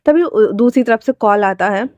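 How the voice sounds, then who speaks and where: A woman's voice: mid-range voice, moderate pace, a little mellow, dry recording. A young woman with a sore throat chatting casually and narrating a fan fiction story, with scolding asides.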